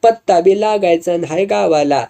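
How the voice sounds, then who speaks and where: A man doing a loud drunk village bully. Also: sits high, moderate pace, vocal fry. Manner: loud, swaggering, threatening. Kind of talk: storytelling with acted dialogue.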